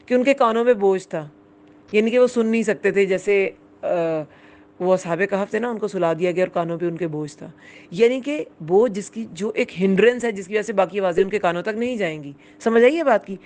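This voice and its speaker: A woman giving a religious lesson, explaining patiently and often asking her listeners whether they understood. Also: mid-range voice. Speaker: Quran teacher. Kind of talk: Urdu religious lesson with English words.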